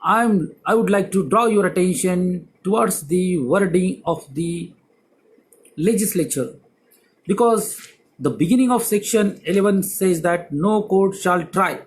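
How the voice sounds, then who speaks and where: A man's voice: high-pitched, measured pace, poor audio. A man, an advocate, giving a law lecture with emphatic repetition of key words. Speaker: advocate teaching civil procedure.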